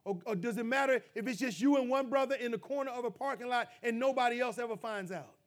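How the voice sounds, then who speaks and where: A middle-aged male pastor preaching a sermon, rising to loud, emphatic peaks and dropping to low, quiet asides. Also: fast talker.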